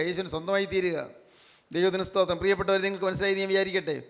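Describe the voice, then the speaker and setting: High-voiced man preaching in a hall. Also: fairly bright tone. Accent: Malayali. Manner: repetitive, emphatic preaching with frequent praise phrases. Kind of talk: sermon.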